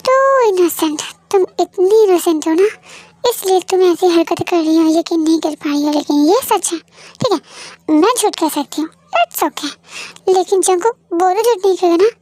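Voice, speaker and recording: A woman's voice: very high voice, moderate pace, a little mellow, dry recording. A woman voicing a smug young wife who taunts her rival in a fan-dub audio drama. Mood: taunting. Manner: taunting, mocking. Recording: music playing behind.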